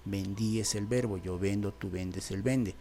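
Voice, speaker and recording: Low gravelly male grammar teacher. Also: steady tone, a little slow, dark tone, soft background music. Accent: Peruvian Spanish. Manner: patient, repeats points and asks "¿ves?". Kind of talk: grammar lesson.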